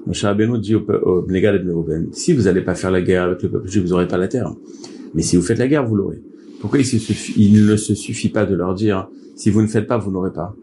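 A man's voice: deep voice, fast talker, dark tone, a little hiss or hum. A man teaching a daily Talmud class, explaining step by step and mixing Hebrew and Aramaic terms into his speech.

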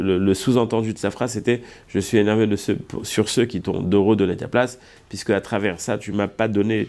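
A man with a low, dark, mellow voice teaches a Talmud study lesson at a brisk pace. He reads out Hebrew and Aramaic passages and then explains them, pausing on fillers as he works through the argument. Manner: thinks aloud with frequent hesitations.

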